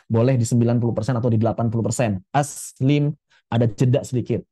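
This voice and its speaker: A man teaching a Quran recitation lesson, explaining letter sounds in a relaxed, chatty way and repeating each example slowly. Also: medium pitch, husky. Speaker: tajwid teacher.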